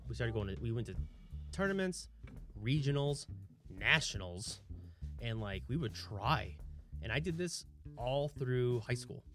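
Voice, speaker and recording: A man's voice: mid-range voice, measured pace, soft background music. Man telling stories on a podcast. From Michigan, USA. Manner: storytelling, animated retelling. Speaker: podcast co-host. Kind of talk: casual chat.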